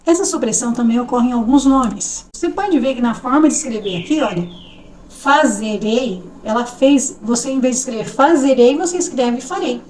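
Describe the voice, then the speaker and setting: Higher-voiced woman teaching grammar. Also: lively intonation, a little fast, few pauses, mellow, distant mic. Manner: explanatory, conversational with checks like "certo?". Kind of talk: online grammar lesson.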